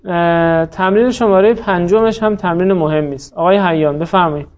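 A man's voice: high-pitched, dull audio. A man teaching Arabic grammar in a class, quizzing students by name and praising their answers patiently. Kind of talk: classroom lesson, drilling students.

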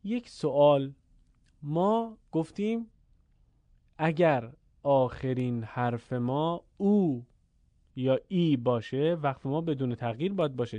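A man teaching the rules of pausing in Quran recitation, explaining calmly and stopping to chant short verses slowly. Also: on the high side, no echo. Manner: asks the listener questions and answers them. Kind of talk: tajweed lesson with recited examples.

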